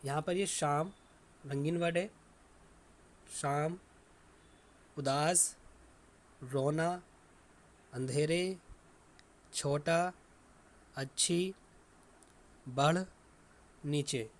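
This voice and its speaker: Male teacher, slightly high voice, slow repetitive dictation for a children's lesson.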